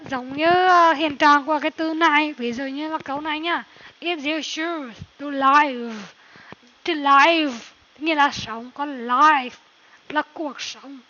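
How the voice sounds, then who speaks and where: A woman teaching English pronunciation, reading a passage slowly and repeating words, then explaining quickly. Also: high voice, sharp tone. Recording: dull lo-fi recording.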